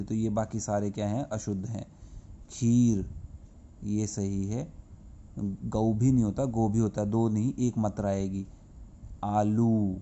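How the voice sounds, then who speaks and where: Male teacher going over grammar, low dark voice, kinda muffled, asks questions then answers them himself. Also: slight background noise. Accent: Hindi-speaking north Indian. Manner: explains patiently, asks and answers his own questions. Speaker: school teacher. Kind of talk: classroom grammar lesson.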